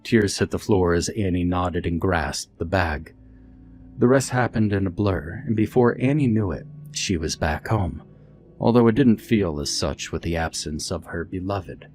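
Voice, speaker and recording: A man reading a scripted horror story in a steady, measured storytelling voice. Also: low-pitched. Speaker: narrator. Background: faint background music.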